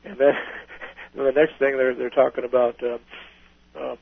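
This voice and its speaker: A man's voice: medium pitch, level tone, normal speed, creaky, slightly rough, dry recording, narrow, tinny audio. An older man, a retired pilot, telling folksy, rambling stories in an oral history interview, restarting his sentences often.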